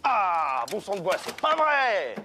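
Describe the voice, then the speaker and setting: An actor playing a bossy, mocking middle-aged gym teacher in a live-action TV series, barking and sarcastic. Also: male voice, high voice, big pitch swings, takes it slowly, background noise, full character voice. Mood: flustered.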